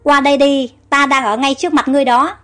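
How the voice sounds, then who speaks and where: A woman reading aloud as a proud, quick-tempered young emperor who gives curt commands. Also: sits high, steady tone, a bit bright. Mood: defiant.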